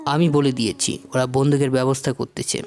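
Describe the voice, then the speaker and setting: A woman doing a low-voiced scheming young gangster. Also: a little fast. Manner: calm, persuasive. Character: cunning young male gangster, scheming protective brother.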